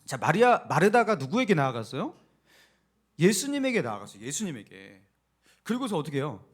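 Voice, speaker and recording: Pastor, male, higher voice and lively pitch swings, preaching with storyteller energy and questions to the room. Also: quick pace. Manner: animated storytelling, acting out quotes and asking the congregation questions. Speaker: senior pastor. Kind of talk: sermon. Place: church sanctuary.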